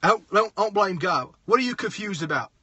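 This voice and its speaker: A man's voice: high-pitched, lively intonation, moderate pace, bright, forceful tone, slightly rough, no echo. A man preaching bluntly from inside his car in a frustrated, impassioned monologue. He repeats words and restarts often, speaking close to a phone. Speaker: preacher sharing advice on a livestream.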